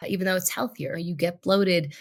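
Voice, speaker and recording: A woman podcast host in casual, animated chat, laughing often. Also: fairly low pitch, moderate pace.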